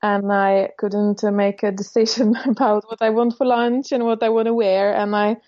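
A woman's voice: medium pitch, level tone, moderate pace, a little mellow, dull audio. A woman from the Czech Republic with a Czech accent, a native Czech speaker talking as a podcast guest, thoughtful and hesitant with many fillers. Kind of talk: casual podcast interview.

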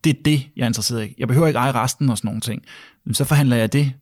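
A man's voice: mid-range voice, a little mellow, no echo, clean studio sound. A man hosting a podcast in a casual discussion, thinking aloud, repeating words and tagging his points with a questioning "right?". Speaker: podcast host.

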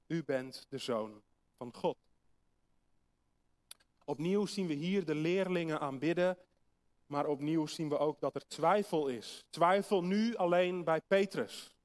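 A man's voice: a little high, moderate pace. A man preaching a sermon, explaining a word, reading scripture aloud and asking his listeners rhetorical questions.

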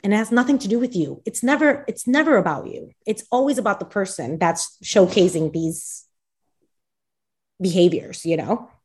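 A woman co-hosts a laid-back podcast, her pitch in an ordinary middle range. She talks earnestly and reflectively. Her talk is loose, with plenty of fillers. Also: animated, normal speed, a little mellow. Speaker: podcast co-host. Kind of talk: casual chat.

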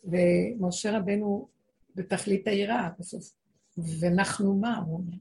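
A woman's voice: medium pitch, steady tone, mellow. A woman teaching a religious lesson, explaining with frequent rhetorical questions to her listeners and acting out voices she quotes. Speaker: spiritual teacher.

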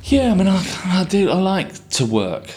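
A man's voice: high voice, sing-song, moderate pace, darkish tone. A man, chatting casually as a guest and telling rambling stories with plenty of swearing. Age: 50s. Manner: rambling storyteller, swears freely. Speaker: guest artist. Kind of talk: casual chat.

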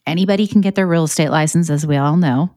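A woman co-hosting a casual podcast, speaking in a friendly, earnest way. Her voice sits a little low for a woman. The sound is dry and closely miked. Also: dark tone, dry recording. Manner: friendly, earnest, quick to agree. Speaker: podcast co-host.

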